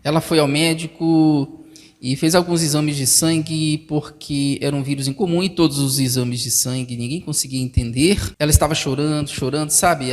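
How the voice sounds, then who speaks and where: A man preaching a sermon as pastor, emphatic and swelling louder on key phrases. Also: medium pitch. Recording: long reverb of a large hall.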